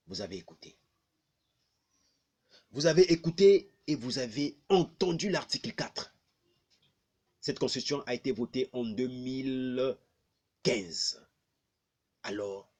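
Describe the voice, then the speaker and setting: Man, Congolese French accent, blogger addressing viewers, lively rising and falling pitch, husky voice, emphatic repetition. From Republic of the Congo. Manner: emphatic, repeating phrases for stress.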